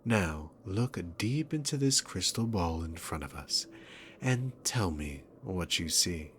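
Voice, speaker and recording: In this ASMR roleplay, a man plays a demon king with a deep voice and lively intonation who takes his time with every taunt. His smug, condescending, mocking tone is broken up by chuckles, and clear background noise is audible behind him.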